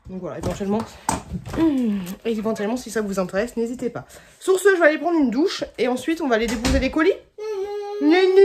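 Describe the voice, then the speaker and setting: A woman's voice: fairly high pitch, background noise. A woman chatting casually in a home vlog, grumbling and often dropping to a half-whisper. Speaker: vlogger. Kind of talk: casual vlog chat to camera.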